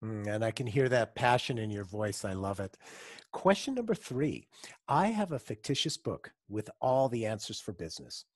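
A man's voice: lowish voice, sing-song, normal speed, no room sound, studio quality. A man in his forties hosting a podcast, reading a scripted intro and asking questions in an upbeat, encouraging way. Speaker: podcast host.

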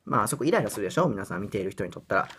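A man's voice: fairly low pitch, sing-song, racing, a bit bright, slightly rough. A young man from Japan giving a casual pronunciation lesson, chatty and self-deprecating, breaking into bits of song. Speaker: English pronunciation teacher.

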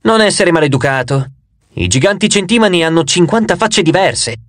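A man's voice: sits high, lively intonation, normal speed, fairly bright tone, no room sound, clean studio sound. A man voicing a sensible teenage girl who speaks firmly and matter-of-factly. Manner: firm, matter-of-fact.

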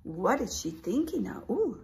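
In a small indoor room with posters, a preschool teacher in her forties reads a picture book aloud, exclaiming and asking questions of young listeners in an animated, expressive way. Her mid-range voice keeps a measured pace and has some vocal fry.

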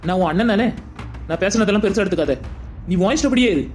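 A stern, protective elder brother in a cartoon who lectures bluntly, as a voice actor plays him. He sits at a middle pitch and his words come quickly. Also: expressive, faint music behind, close to an everyday voice. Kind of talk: Tamil cartoon dub.

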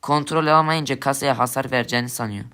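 A man's voice: medium pitch, fairly even intonation, fast talker, pushed and bright, clear, resonant tone. A young man giving angry gameplay commentary, swearing and ranting at his teammates in frustration. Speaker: gamer streamer.

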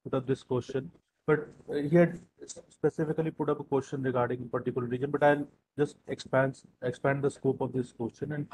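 A man's voice: mid-range voice, little pitch movement, brisk, a little mellow, slightly rough, poor audio. A man moderating an interview, asking long, wordy questions with fillers.

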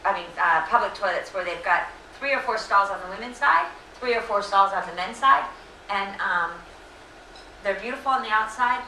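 Slightly hoarse middle-aged woman, distant and echoey. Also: mid-range voice, bright, forceful tone, slight background noise. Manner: earnest, many fillers and self-corrections. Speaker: invited lecture speaker. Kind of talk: lecture Q&A answers. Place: lecture hall. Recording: echoey room, distant mic.

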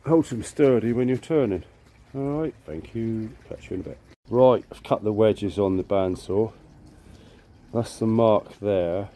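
A man's voice: fairly low pitch, dark tone. A man giving a casual hands-on woodworking demonstration outdoors, informally muttering asides to himself as he works. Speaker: woodworking video presenter. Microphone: handheld camera. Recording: clear background noise with clicks.

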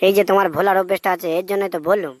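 A woman's voice: mid-range voice, flat delivery, racing, darkish tone, dry recording, natural voice. A woman playing a bossy aging police chief. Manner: commanding, quizzing his subordinate. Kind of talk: cartoon voice acting.

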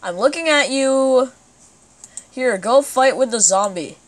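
Woman gamer, let's play commentary, excitable, sudden outbursts, higher voice, unhurried delivery.

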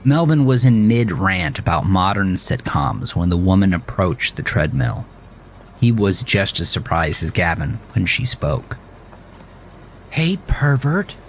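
Slow, low-voiced male narrator. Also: expressive, a little hiss or hum. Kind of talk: scripted audio drama narration.

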